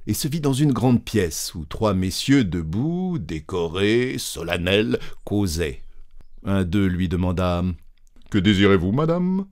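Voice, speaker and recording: A man narrating an audiobook with expressive, deliberate storytelling. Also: low-pitched.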